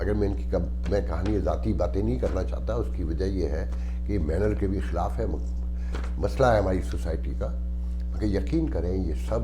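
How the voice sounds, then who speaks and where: A man from Pakistan, a journalist giving political commentary and putting earnest rhetorical questions to the viewer. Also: deep voice. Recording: music playing underneath.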